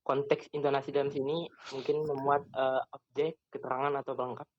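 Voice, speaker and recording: A man's voice: medium pitch, flat delivery, a little fast, lo-fi sound. Hesitant male student answering. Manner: hesitant, filler-heavy answers. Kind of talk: classroom discussion.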